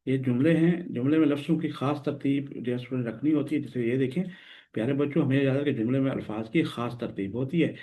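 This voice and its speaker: A man from Pakistan teaching a recorded grammar lesson, explaining step by step and repeating words slowly and patiently. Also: medium pitch, steady tone, dark tone. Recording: tinny phone-like audio.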